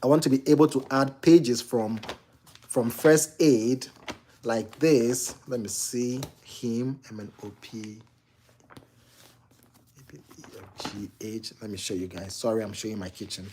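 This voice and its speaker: There's slight background noise as a young man from Ghana, speaking in an unhurried, dark-toned, mid-range voice with a Ghanaian accent, fields viewer questions about exam study. This medical exam tutor, at home near a kitchen, keeps his casual Q&A chatty, with lots of fillers and restarts.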